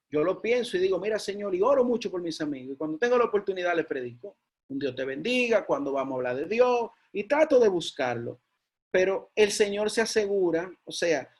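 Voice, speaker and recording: A middle-aged man with a high voice delivers a sermon as a preacher. He speaks earnestly, mixing personal testimony with teaching and returning often to short praise phrases. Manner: earnest testimony, repeats "gloria a Dios".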